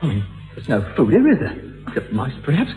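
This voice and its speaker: Wildly swooping, deranged killer. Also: male voice, medium pitch, wildly swooping pitch, quick pace. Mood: unhinged, gloating. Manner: rambling, giggling, repetitive, menacing. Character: deranged, taunting male killer with childish, volatile temper. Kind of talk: melodramatic film thriller acting. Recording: echoey hall, dull lo-fi, music behind.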